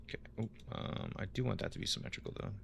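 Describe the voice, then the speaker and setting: A man's voice: rapid-fire, fairly bright tone, a little hiss or hum. A young man narrating his gameplay in a casual, rambling way, joking to himself and quoting memes. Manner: rambling, joking self-talk with meme quotes. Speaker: gaming video creator.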